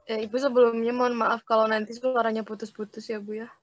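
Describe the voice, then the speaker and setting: A woman's voice: on the high side, level tone, muffled recording. A woman student reading a textbook passage aloud over an online call whose audio breaks up and glitches, restarting a word now and then. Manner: careful reading with halting restarts on words. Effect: choppy, breaking-up online call audio.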